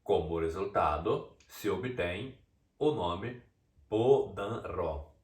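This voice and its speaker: Slow, deep-voiced man narrating from afar. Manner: mocking rhetorical questions. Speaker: video essay narrator. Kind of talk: scripted narration. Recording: echoey room, distant mic.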